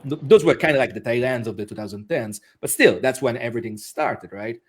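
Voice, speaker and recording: A man's voice: medium pitch, brisk, breathy edge. A man speaking as an interview guest, talking casually with many restarts and fillers and laughing often. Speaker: interview guest, author and musician.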